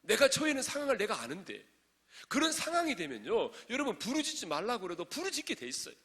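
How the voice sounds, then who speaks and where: A male pastor preaching to a congregation, swinging from shouted exhortation to hushed asides and quizzing his listeners. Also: very high-pitched, huge pitch swings, fast. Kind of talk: sermon at a prayer meeting. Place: large church sanctuary. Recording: long reverb of a large church hall.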